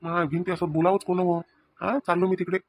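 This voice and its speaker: A man's voice: sits high, level tone, fairly quick, darkish tone, slight background noise. Man voicing an exasperated village husband. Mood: arguing. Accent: Vidarbha Marathi. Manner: arguing, threatening. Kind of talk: cartoon family comedy.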